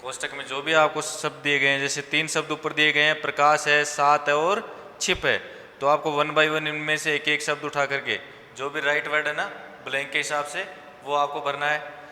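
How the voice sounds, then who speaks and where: A male teacher talks through a class lesson, pacing his explanations and repeating answers for dictation. His voice is very bright and crisp. The room is echoey, with a long reverb tail and a faint hum behind him. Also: a little high, completely flat delivery, moderate pace. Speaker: school teacher.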